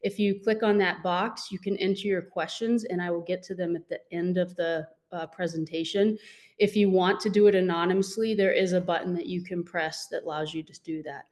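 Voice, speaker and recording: A woman hosting an online school information session, giving clear instructions and upbeat introductions. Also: lowish voice, steady tone, brisk, a little mellow. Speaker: admissions event host. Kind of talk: event introduction.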